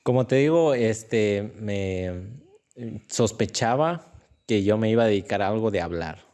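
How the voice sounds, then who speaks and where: A man's voice: on the low side, measured pace. A young man, telling stories in a casual interview, laughing often and acting out other people's voices. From Ecuador. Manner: animated storyteller who acts out voices and laughs often. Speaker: interview guest.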